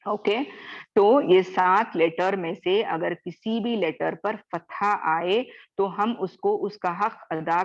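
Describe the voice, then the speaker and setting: Woman, recitation teacher, slow steady delivery, drawn-out example words, muffled video call sound. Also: lowish voice. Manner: often checks in with "theek hai?". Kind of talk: online class instruction. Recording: dull lo-fi video call audio.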